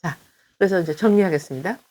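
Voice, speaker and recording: A middle-aged woman counseling professor giving a calm, explanatory talk, acting out the things people say to each other. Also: on the low side, fast talker. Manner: calm explanatory tone, acts out quoted remarks; frequent fillers. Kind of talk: lecture-style talk on counseling.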